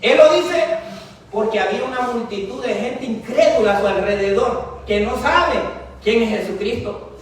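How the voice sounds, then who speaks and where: A man's voice: very high-pitched, expressive, normal speed, a little hiss or hum. A man preaching a sermon with fervor, calling out to his congregation. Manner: fervent, calls out to the congregation. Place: church. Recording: echoey hall, mic far off.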